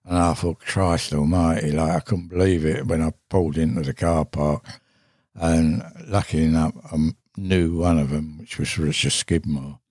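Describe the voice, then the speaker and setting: An older man, a veteran angler appearing as a podcast guest, tells a long, rambling anecdote in a very low, husky, darkish voice. He's casual and salty, swearing freely and pausing on fillers. The studio sound is close and dry, with no echo.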